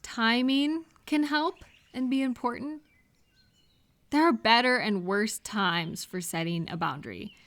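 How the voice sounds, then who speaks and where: This audio roleplay performer has a fairly high, somewhat bright voice and a measured pace. She addresses one listener conversationally with supportive advice, sounding reassuring and explanatory.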